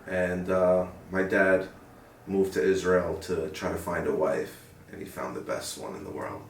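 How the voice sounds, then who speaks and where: A young man with a very low voice talks earnestly and reflectively in an interview, often stopping to find his words. He sits some way from the mic in a roomy space, with a faint hiss behind him. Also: a little slow, vocal fry. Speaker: interviewee, paramedic. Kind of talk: sit-down interview. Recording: roomy sound from a distant mic.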